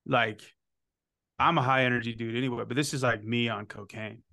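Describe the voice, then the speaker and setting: A man in his thirties hosting a podcast, an energetic storyteller who swears freely and keeps asking "right?". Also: mid-range voice, fairly quick, gravelly. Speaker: podcast host. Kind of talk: casual chat.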